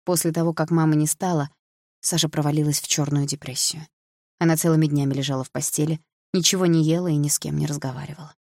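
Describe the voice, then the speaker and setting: A woman reading an audiobook in a low, gravelly voice. Her delivery is even and measured. The recording is close and dry, with no echo. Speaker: narrator. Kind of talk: audiobook narration.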